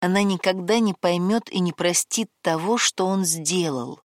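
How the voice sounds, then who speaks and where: A woman narrating a novel as an audiobook, with an expressive, varied reading. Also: lowish voice, moderate pace, no room sound, clean studio sound.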